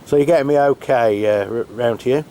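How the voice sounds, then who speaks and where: Over slight background noise, a man with a mid-range voice speaks a little fast. He's a channel host testing CB radios outside on a rainy hilltop, handheld radio in hand, recorded on a camera mic; his chat is relaxed and hesitant, full of fillers.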